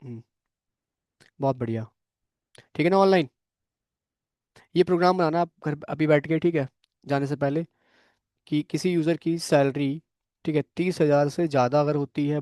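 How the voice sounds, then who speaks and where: A man's voice: a little high, fairly even intonation, moderate pace, mellow, smooth, dry recording, studio quality. A young man teaching a programming class, giving blunt career advice and checking in often with his students. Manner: frank, coaching tone, frequent "theek hai" check-ins. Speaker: programming course instructor. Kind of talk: classroom lecture with live and online students.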